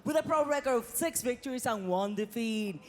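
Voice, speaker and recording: A woman ring announcer introducing fights in Spanish and English in a formal, grandly drawn-out lucha libre manner. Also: fairly high pitch, lively intonation, a little hiss or hum. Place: live fight arena.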